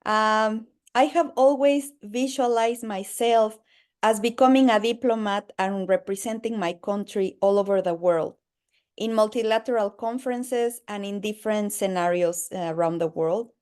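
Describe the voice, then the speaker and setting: A woman diplomat in her forties who grew up in Mexico City, telling her story in an earnest, measured way as a guest. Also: medium pitch, darkish tone, clean tone. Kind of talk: interview answers.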